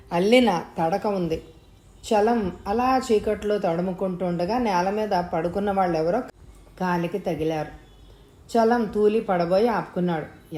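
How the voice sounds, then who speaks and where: Woman narrator, mellow tone, audiobook reading. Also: mid-range voice. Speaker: story narrator.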